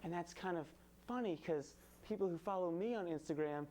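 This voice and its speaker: A man's voice: high voice, a little fast, warm tone. Male late-night host, twenties, punchy topical joke delivery, studio stage monologue. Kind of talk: comedy monologue with topical jokes. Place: student TV studio with painted skyline set.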